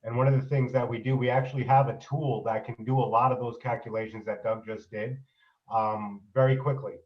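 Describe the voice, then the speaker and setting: A man chimes in casually in a group call, hesitant and full of fillers. He sounds set back from the microphone, with a muffled, lo-fi quality and a medium-pitched voice. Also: steady tone, fairly quick, far from the mic. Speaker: mentorship program staff.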